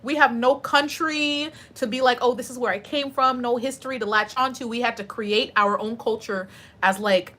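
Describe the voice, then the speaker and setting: Woman streamer, young adult, casual chat, bright forceful tone, chatty. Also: on the high side, moderate pace. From United States. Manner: chatty, animated, answers chat questions. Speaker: live streamer.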